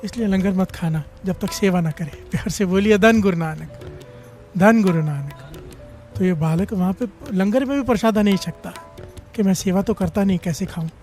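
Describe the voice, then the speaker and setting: Man, Sikh preacher, storytelling sermon, high voice, calls for responses from congregation, faint music behind. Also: a little fast, mellow. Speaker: Sikh preacher giving katha.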